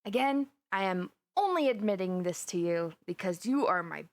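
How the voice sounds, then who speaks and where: Here a woman with a natural mid-range voice and normal pacing performs a conversational roleplay monologue. Playing a chatty, flustered young villainess confiding in her closest friend, she sounds softer and confessional, rambling through gossipy, lively anecdotes and giggling.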